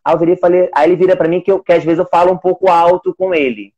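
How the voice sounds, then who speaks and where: His voice sits high with a dark tone and fairly even intonation, and he races along over dull audio. In a relaxed live video chat, this teacher of young children describes life as an adoptive single father, rambling, restarting often, and quoting what he tells his son.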